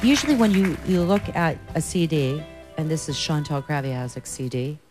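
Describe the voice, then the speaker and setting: A woman hosting a casual interview, upbeat and playful, filling in with quick short reactions. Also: deep voice, darkish tone, faint music behind, a faint crowd. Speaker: host.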